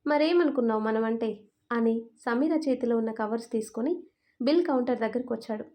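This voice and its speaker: A woman narrates a family story in a steady, clear reading voice. Her voice sits fairly high. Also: fairly quick.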